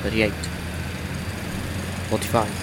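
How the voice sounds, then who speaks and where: A man's voice: on the low side, completely flat delivery, slow pace, very noisy. A man making clipped automated countdown callouts, one number at a time. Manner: clipped single-number calls.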